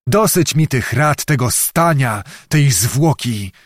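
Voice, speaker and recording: A man's voice: medium pitch, expressive, takes it slowly, no echo, clean studio sound. A male narrator voicing an agitated, commanding king who speaks fervently and exclaims in a raised voice. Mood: angry.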